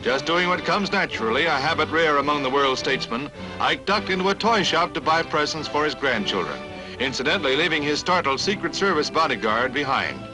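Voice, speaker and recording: A man's voice: a little high, animated, brisk, rough recording. 1950s newsreel announcer, a man with a punchy delivery. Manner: punchy, dramatic announcer delivery with wry quips. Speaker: newsreel narrator. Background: music.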